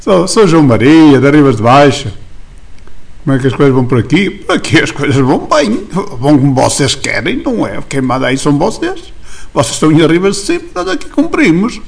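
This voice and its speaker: A man's voice: fairly high pitch, big pitch swings, a little fast, gravelly, full character voice. A man with a European Portuguese accent performs a comic monologue as an indignant small-business owner on the phone, stammering and insisting. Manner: stammering, insistent, repeats "menina" and "senhor assessor". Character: indignant small-town male business owner phoning a ministry. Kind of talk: comic monologue, one side of a phone call.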